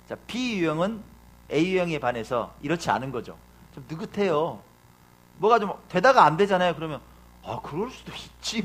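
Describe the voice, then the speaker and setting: A man's voice: on the high side, a bit bright. A middle-aged man preaching a sermon as a pastor, asking the congregation questions and acting out quotes.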